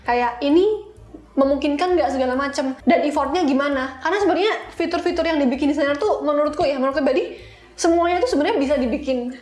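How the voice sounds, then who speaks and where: A young adult woman with an Indonesian accent, a software engineer appearing as an interview guest, tells stories in a casual, informal way, mixing in English terms. Her voice is high, fast and a little mellow. The room is echoey.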